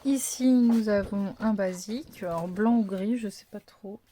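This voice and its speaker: A woman presents a scrapbooking box in a relaxed, slow walkthrough. She hesitates often, fills gaps with little sounds and apologetic asides, and corrects herself as she goes. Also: medium pitch, slight background noise. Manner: hesitant, thinking aloud with many fillers. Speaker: craft video host. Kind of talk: casual unboxing walkthrough.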